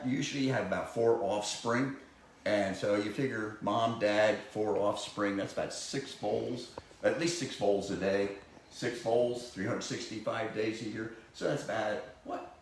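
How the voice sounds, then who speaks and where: A man with a fairly low voice giving a relaxed educational talk about owls. He rambles, chuckles and restarts sentences as he goes. The room is very echoey, with faint noise underneath. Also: normal speed. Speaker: wildlife educator presenting live owls.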